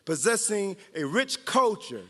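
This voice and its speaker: In the echoing hall of a training event, a man who is an author and historian performs an animated read-aloud for a live group as guest storyteller. He sounds high and fairly bright, speaks a little slowly with big swings in pitch, and mixes drama and play with jokes on the side.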